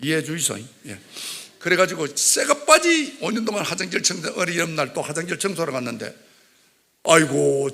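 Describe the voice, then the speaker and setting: A middle-aged man with a Gyeongsang accent, a church elder giving a fervent testimony sermon, swinging from loud cries to hushed confession. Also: high voice, creaky.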